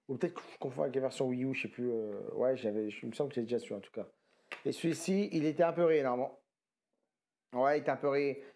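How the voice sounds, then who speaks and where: A retro game collector vlogger from France shows off his flea-market video game finds in casual haul commentary. His medium-pitched voice is mellow, and he sounds tired as he rambles, often correcting himself with slang.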